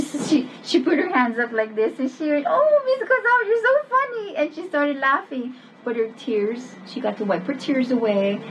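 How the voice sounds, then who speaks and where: A woman's voice: fairly high pitch, a little hiss or hum, rough recording. A woman teaching a parenting webinar, telling personal stories in an earnest way and acting out the dialogue. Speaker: parenting educator.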